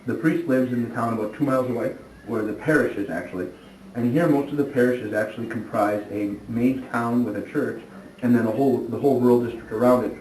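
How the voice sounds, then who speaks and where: Relaxed priest explaining, echoey room. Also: male voice, medium pitch, fast. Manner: relaxed, explanatory, thinking aloud. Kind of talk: casual explanation. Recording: echoey room, distant mic, faint noise.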